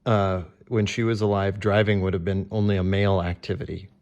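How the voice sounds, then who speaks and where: A man's voice: low-pitched, level tone, brisk, a little mellow, highs cut off. A man acting as a homeschool teacher, making playful, chatty asides during a read-aloud story.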